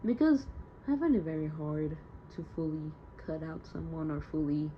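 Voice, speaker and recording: Speaking in a low, animated voice at normal speed, a young audio diarist pours out a casual, slangy confession and sounds wounded and low. The lo-fi home recording is muffled, with a faint layer of noise.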